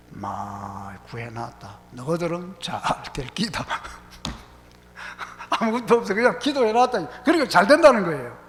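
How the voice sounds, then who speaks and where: A man's voice: high-pitched, a bit bright. A middle-aged man with a Gyeongsang accent preaching a sermon as pastor, telling folksy stories and slipping into quoted voices and dialect. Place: church sanctuary. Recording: long hall reverb, faint hum.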